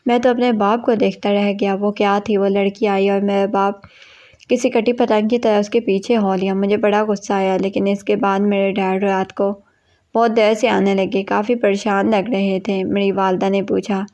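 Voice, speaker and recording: A woman reading a family drama aloud as steady scripted story narration, telling it from a young man's point of view. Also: medium pitch, highs cut off. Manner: even, steady reading in a first-person male role.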